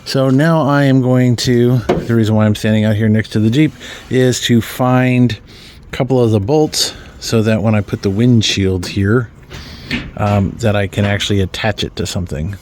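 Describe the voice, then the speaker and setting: A man's voice: on the low side, steady tone, normal speed, darkish tone, slight background noise. A man giving casual, rambling commentary outdoors while working on his own vehicle, full of ums and mild swearing. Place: outdoors in a yard beside a vehicle.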